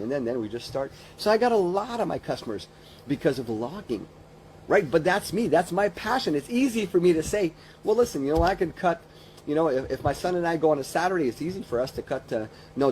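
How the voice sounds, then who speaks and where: Fairly high in pitch but darkish in tone, this fifties-aged man's voice carries an informal business coaching pep talk. He wanders conversationally and repeats phrases to drive points home, over slight background noise.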